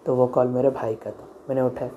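A young man spins a comic tale in a loose, rambling way and keeps correcting himself. His voice is soft and mellow, with a faint hiss of noise in the background. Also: mid-range voice, level tone, a little fast, highs cut off. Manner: rambling, chatty, mixes in English phrases and many self-corrections. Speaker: comic storyteller. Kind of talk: casual comic storytelling vlog.

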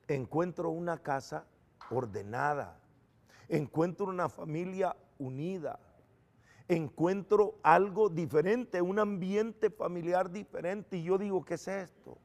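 A middle-aged man, a preacher, telling his personal testimony in an earnest, animated storytelling manner. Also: a little high, measured pace.

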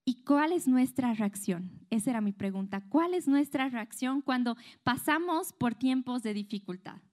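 A woman's voice: high voice, animated, normal speed, a little mellow. A young woman, giving a conversational youth sermon, asking the group questions and acting out inner voices. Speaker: youth speaker.

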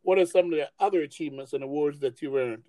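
A man's voice: on the high side, quick pace, dark tone, no echo, poor audio. A man hosting a podcast interview, asking friendly questions with some hesitant restarts. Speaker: podcast host.

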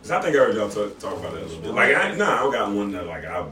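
A man in his thirties trading casual banter as a podcast co-host. His voice swings widely in pitch and has a bright, forceful edge. He sounds set back from the mic in a roomy, echoing space. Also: sing-song, racing. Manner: laid-back, laughs often, slangy. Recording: echoey room, mic at a distance.

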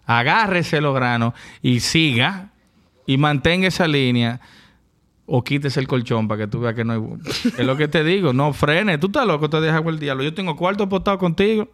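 A man's voice: fairly high pitch, normal speed, fairly bright tone. A young man with a Dominican Spanish accent, ribbing his friends in crude, teasing podcast banter. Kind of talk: casual chat.

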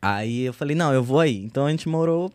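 A man in his thirties, a guest artist in a relaxed podcast chat, telling his story with slang and lively quoted speech. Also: fairly high pitch, quick pace, no echo. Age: 30s.

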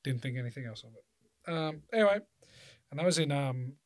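A man's voice: medium pitch, expressive, brisk, dry recording, clean studio sound. An Australian man hosting a casual chat, rambling loosely and swearing freely.

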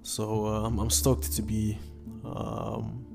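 Man, halting hesitant delivery, gravelly fry, casual podcast host, frequent stops and repeats, faint music behind. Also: on the low side, completely flat delivery. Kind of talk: casual solo sports betting preview.

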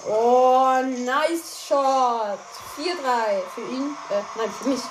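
A high-voiced woman commentating her own gameplay, excitable and quick to shout at every goal or miss. Her voice bounces around an echoey room. A clear layer of background noise runs underneath. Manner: excitable, shouts and cries out at plays, chatty asides to listeners. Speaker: gaming streamer.

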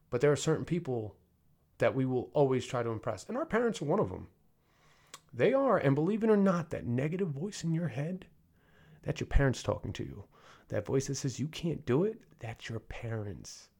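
A man's voice: medium pitch, very animated, moderate pace, a little mellow. A man in his thirties talking casually as a podcast host, candid and rambling, with frequent fillers and self-corrections. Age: 30s. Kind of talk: casual personal monologue.

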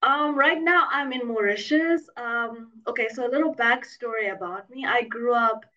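A woman's voice: a little high, normal speed, bright, forceful tone. A woman from Zimbabwe speaks as a guest in a casual remote interview, reflective and chatty with plenty of fillers. Her voice sounds far from the mic. The call audio is dull and lo-fi.

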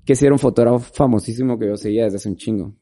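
A man's voice: medium pitch, very fast, warm tone. A man, a videographer, chatting casually in an interview and rambling through stories with lots of filler words. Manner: rambling storytelling, filler-heavy. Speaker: videographer guest.

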